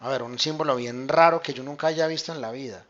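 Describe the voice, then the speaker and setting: Teaching an online math class with a screen demonstration, a man explains step by step casually and checks in with students often. He speaks quickly at medium pitch with a fairly bright tone, though the audio sounds dull.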